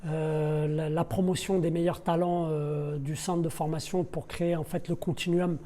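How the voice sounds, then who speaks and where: In a podcast interview, a football club's deputy sporting director, a middle-aged man who is not a native French speaker, describes his job off the cuff, hunting for words and repeating them. His slightly high voice is warm and flat, at normal speed.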